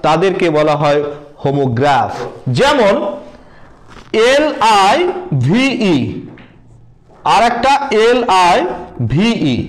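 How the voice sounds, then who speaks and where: A high-pitched man teaches an English grammar lesson on word meanings, addressing his viewers as friends. He's repetitive, spelling words one letter at a time with slow, deliberate emphasis, and the recording quality is low.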